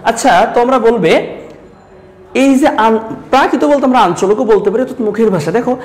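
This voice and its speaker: A man's voice: very high voice, animated, fast. A man from Sylhet teaching an online class, asking students repeated questions and addressing them directly. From Sylhet, Bangladesh. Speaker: Bengali teacher.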